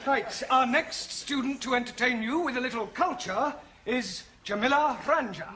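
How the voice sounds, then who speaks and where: An actor playing a polite, flustered teacher with an English accent, hosting a school concert in a sitcom. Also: male voice, very high-pitched, moderate pace. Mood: polite, announcing. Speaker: teacher and compere. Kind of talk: sitcom acting. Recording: loud noise behind the voice.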